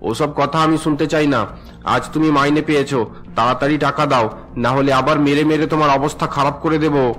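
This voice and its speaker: A drunken cartoon husband, voiced by a man speaks in a fairly high voice, gruff and demanding one moment and desperately pleading the next. Music plays softly behind him. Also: steady tone, a little fast, lightly acted. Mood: bullying. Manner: demanding and gruff with his wife, pleading with God. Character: drunken husband, male, bullying then repentant.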